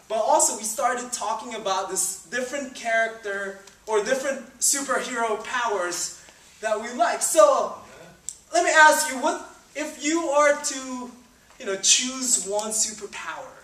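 Speaking from a church hall stage, this student ministry leader in his twenties from the Philippines delivers an upbeat, casual sermon talk loaded with fillers. His pitch is extremely high, and his tone is bright and forceful. The audio comes from a distant camera with no mic in sight, so the hall sounds roomy.

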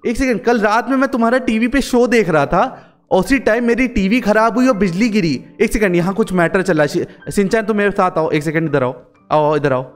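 A man hosting a casual game role-play, talking excitedly with lots of exclamations and fillers. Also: high-pitched, brisk, faint music behind. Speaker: gaming channel host.

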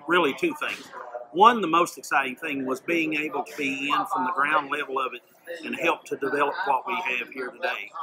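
A man who helped organize the project, giving a measured, orderly short interview comment in a large community hall. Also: medium pitch.

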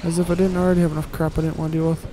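A man's voice: fairly high pitch, flat delivery, racing, music in the background, poor audio. A man giving casual, grumbling let's-play commentary while he plays, with sarcastic asides and casual swearing.

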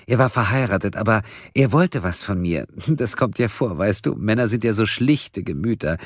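A man voicing a deranged, gleeful woman kidnapper in an audiobook, with shrill giggling and sing-song menace. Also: expressive, normal speed, slightly rough, dry recording, clean studio sound. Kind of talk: audiobook character voice.

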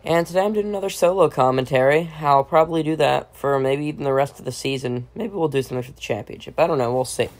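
A man's voice: a little high, quick pace, hardly any pauses, no room sound, poor audio. A young man with a sick voice giving a casual, joking solo commentary on a sim race, often saying "obviously".

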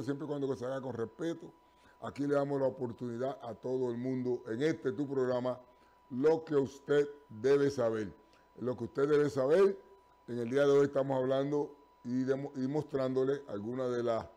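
His voice is mid-range with a dark tone: an older man from Puerto Rico, a pastor hosting a live TV call-in show from the studio through a lapel mic. Fillers and restarts make him halting at first before he pushes into emphatic passages.

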